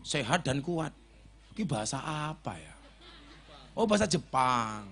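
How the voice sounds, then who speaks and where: A man's voice: mid-range voice, big pitch swings, a little slow, fairly bright tone. A man in his forties with a Javanese accent, giving a joking sermon to a crowd and teasing the people in front of him. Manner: joking, switching between Indonesian and Javanese, teasing the audience. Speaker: preacher. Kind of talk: comic sermon to a live crowd.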